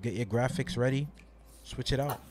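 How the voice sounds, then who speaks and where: A man's voice: mid-range voice, normal speed, a little mellow. A man co-hosting a casual gaming podcast, talking in an enthusiastic, rambling way. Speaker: podcast co-host.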